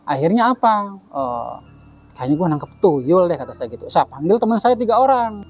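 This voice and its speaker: Male guest storyteller, a bit high voice, casual spooky tale, slips into quoted voices. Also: sing-song, darkish tone. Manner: acts out quoted voices, many "kata saya gitu" tags; chants prayer phrases slowly.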